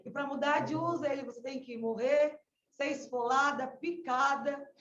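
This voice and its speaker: A woman's voice: sits high, fairly even intonation, normal speed, a bit bright, a little hiss or hum. A woman with a Gaúcho Brazilian accent, a missionary colporteur, giving a fervent, exclamatory religious testimony. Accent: Gaúcho Brazilian Portuguese. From southern Brazil. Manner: fervent, exclamatory, often calling out to the Lord. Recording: echoey, distant, dull-sounding room recording.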